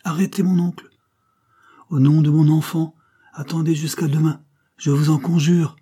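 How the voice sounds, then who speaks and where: A man's voice: fairly low pitch, expressive, a little fast, dark tone, breathy edge. A man voicing a desperate young woman who pleads with her uncle in a read-aloud novel. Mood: pleading. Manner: imploring.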